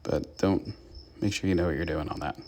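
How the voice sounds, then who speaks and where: A man's voice: low voice, fairly quick, a little mellow, slight background noise. A young man giving casual gameplay commentary and tips to his viewers as the channel's host. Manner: chatty, gives tips to viewers. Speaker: gaming YouTuber.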